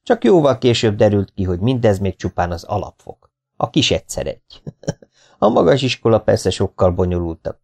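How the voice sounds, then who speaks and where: A man's voice: fairly low pitch, very animated, creaky, a little mellow. A man narrating a memoir audiobook in a wry storytelling manner. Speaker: audiobook reader.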